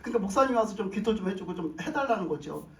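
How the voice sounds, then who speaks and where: A male pastor telling a testimony in his sermon, in an animated, emotional way. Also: sits high, very fast. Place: church sanctuary. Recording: roomy echo, mic at a distance.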